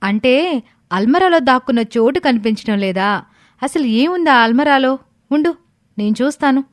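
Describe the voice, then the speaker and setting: A woman voicing an anxious, caring young woman in an animated storybook, speaking in a worried, questioning way. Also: sits high, normal speed, dry recording, studio quality. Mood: uneasy.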